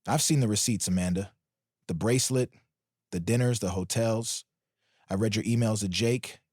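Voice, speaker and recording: A man voicing a betrayed husband who speaks quietly, coldly and bitterly, in a storybook reading. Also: lowish voice, normal speed, breathy edge, no room sound, clean studio sound. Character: betrayed husband, cold and firm.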